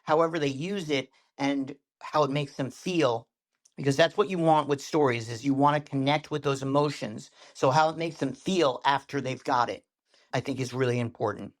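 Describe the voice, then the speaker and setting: A man speaking as a guest coach on a podcast, his voice at an ordinary middle pitch. He tells stories with animated delivery, speeding up and slowing down for effect. He seems to be on a video call. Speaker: guest, social media coach. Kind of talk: podcast interview.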